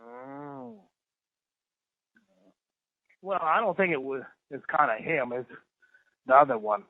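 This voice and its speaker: Halting man on a tinny prison phone line. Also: high voice, big pitch swings, creaky, dry recording. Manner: halting, hesitant replies. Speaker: inmate on a recorded call.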